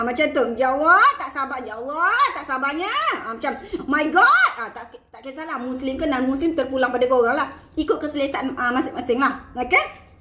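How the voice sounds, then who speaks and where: Chatty Malaysian woman, high and echoey. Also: slight background noise. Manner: chatty, playful, code-switching with English, laughs often. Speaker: online seller coaching her team. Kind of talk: casual marketing tips talk.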